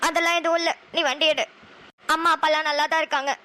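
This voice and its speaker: A woman voicing a caring elder sister giving brisk instructions in a cartoon. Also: high voice, level tone, sharp tone. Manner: brisk, motherly. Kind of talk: cartoon voice acting.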